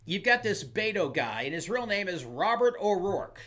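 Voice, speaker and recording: Animated high-voiced man ranting. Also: moderate pace. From Oklahoma, US. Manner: emphatic, repeats lines for punch. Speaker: show host. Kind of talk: opinionated political talk monologue.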